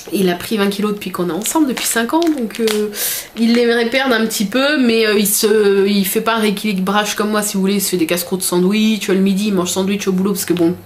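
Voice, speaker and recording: A young woman vlogger chats casually while unboxing a gift parcel, gushing over each item and filling her talk with lots of fillers. Her voice sits in the mid range, with a little hiss or hum in the recording.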